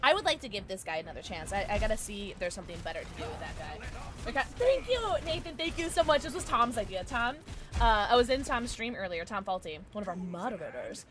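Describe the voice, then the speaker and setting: A woman's voice: mid-range voice, very animated, quick pace, over music. A woman chatting casually on a gaming livestream in a playful, effusive and scatterbrained way. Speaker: livestreamer playing video games.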